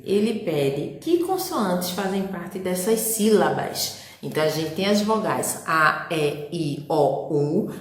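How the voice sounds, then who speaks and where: A woman with a Brazilian Portuguese accent teaches young children in a recorded lesson. She speaks very slowly and patiently, with a lowish voice. She spells out each sound, and an echoey room rings around her.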